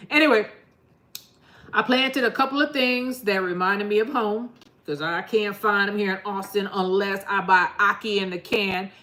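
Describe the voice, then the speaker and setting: A middle-aged New York woman chats casually to the camera for her gardening channel, rambling and laughing often. Her voice is medium-pitched, bright, and forceful.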